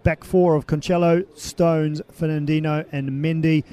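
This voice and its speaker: Mellow-voiced man reading match scores. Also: a little high, level tone, clean tone. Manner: measured, announcer-like delivery. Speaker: radio sports co-presenter. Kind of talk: reading sports results.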